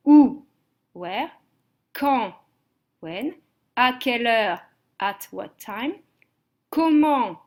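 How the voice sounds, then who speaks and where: A woman teaching a language lesson from slides, explaining step by step and checking understanding with "okay?". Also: on the high side. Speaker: French teacher.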